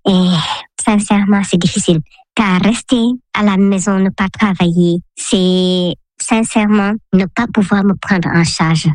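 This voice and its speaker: Woman caller, voice changer on her voice, steady earnest telling, dry sound. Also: mid-range voice, no echo. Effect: voice altered by a voice changer. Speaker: radio caller. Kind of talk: recorded listener testimony.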